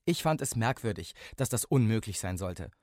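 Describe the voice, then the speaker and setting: A man narrating a story in a medium voice that moves a lot in pitch, lively and expressive. The recording is dry and close, with no room sound. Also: moderate pace, no echo. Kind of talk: storybook reading.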